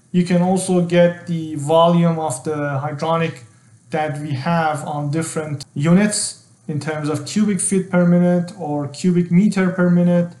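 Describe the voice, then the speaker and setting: A middle-aged man teaching an engineering software tutorial, explaining step by step with fillers and restarts. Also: high-pitched, echoey room. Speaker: HVAC design instructor. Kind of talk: screen-share software tutorial.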